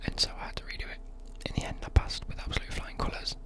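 A young adult with a British accent giving a whispered, informal ASMR chat, with soft mouth sounds. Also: fast talker. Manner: whispering throughout. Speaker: ASMR creator, university student. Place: indoors at a desk. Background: occasional tapping and desk creaks.

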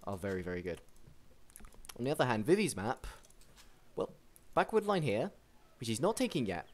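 A young man casually commentating a strategy game match, chatty and excitable, with frequent restarts. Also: medium pitch, normal speed. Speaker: game caster.

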